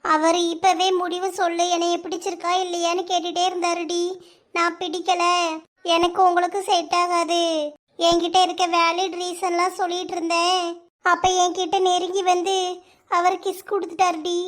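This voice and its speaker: A woman's voice: very high-pitched, monotone, moderate pace, a bit bright. A woman voicing hesitant young cartoon woman Thulasi. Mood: troubled. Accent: Kanyakumari Tamil. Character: young woman Thulasi, upset and evasive friend. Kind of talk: cartoon voice acting.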